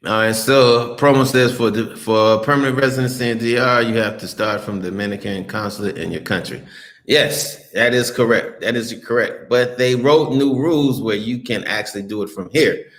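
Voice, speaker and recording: An American vlogger reads live chat comments on his stream and answers bluntly, swearing a lot and restarting often. His lowish, slightly bright voice moves at a moderate pace, and the room sounds echoey.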